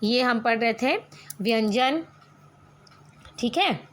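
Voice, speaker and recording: A woman teacher with a fairly high voice talks through a grammar lesson for her students online. She explains things step by step and asks questions that she then answers herself. When she comes to the letters, she sounds them out slowly, one at a time.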